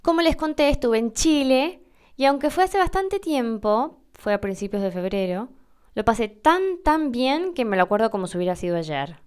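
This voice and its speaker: A woman's voice: lively intonation, normal speed, darkish tone, clear, resonant tone. A young woman in her late twenties with an Argentine accent, chatting casually about words to her viewers and acting out bits of dialogue. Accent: Argentine Spanish. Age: late 20s. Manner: chatty, acts out dialogue with pitch jumps. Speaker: vlogger. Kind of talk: casual explanatory monologue.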